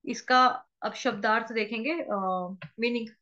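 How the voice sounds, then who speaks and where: A woman teaching how to recite a Sanskrit verse, chanting each word slowly and drawn out, then spelling out letters and vowel marks one by one. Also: on the high side, pushed and bright, highs cut off. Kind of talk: slow syllable-by-syllable chanting lesson.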